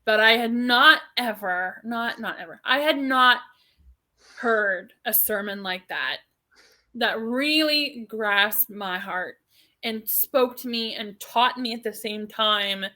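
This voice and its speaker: A woman's voice: on the high side, slow, pushed and bright. A middle-aged woman from California, co-hosting a casual faith podcast and telling a long personal story with many fillers and restarts. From Southern California. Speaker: podcast co-host.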